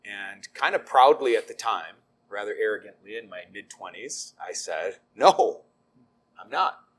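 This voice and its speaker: A middle-aged deacon, appearing as a guest, shares his faith testimony conversationally, easygoing and self-deprecating, with lots of ums. His voice sits fairly low, expressive, slightly slow and a touch rough.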